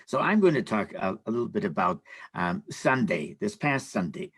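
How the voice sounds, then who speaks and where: A man's voice: lowish voice, very animated, normal speed, fairly bright tone, breathy edge, no room sound. An older man on a panel, speaking casually and hesitantly, with many fillers and restarts.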